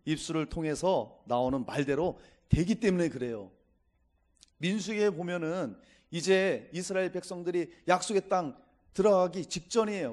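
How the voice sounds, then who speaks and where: A man's voice: on the high side, darkish tone. A middle-aged male pastor giving a Sunday sermon, reading scripture and acting out quotes as he preaches.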